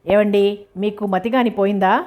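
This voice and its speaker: A woman reading as a young wife who teases and scolds her husband in a hushed whisper. Her pitch stays flat and even, in a storybook reading. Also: normal speed, lightly acted. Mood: scolding.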